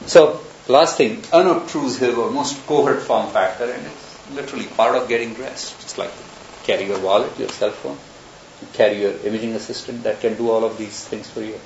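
At a moderate pace and medium pitch, a man lectures his class, reasoning aloud as he shifts between examples. Captured in a lecture room, the audio is roomy and echoey, somewhat muffled, with a faint hiss underneath.

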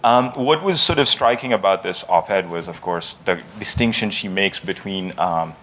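A man interviewing a guest before an audience, hesitant and halting as he carefully builds long questions. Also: low voice, fairly bright tone, slight background noise, low-quality recording. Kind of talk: conversational discussion before an audience.

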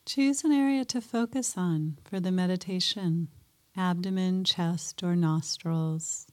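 A woman guiding a mindfulness meditation in a soft, gentle way, pausing often between phrases. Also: fairly low pitch. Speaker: meditation teacher.

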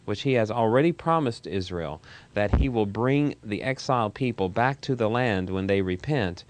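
Low-voiced man lecturing on scripture. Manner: measured, explanatory, with restarts. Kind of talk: Bible lecture.

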